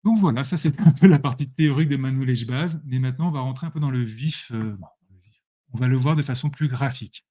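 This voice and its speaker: A man's voice: mid-range voice, fast talker, dark tone. Male presenter, casual screen-share tutorial, chatty and self-correcting, addresses viewers directly. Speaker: presenter demonstrating software.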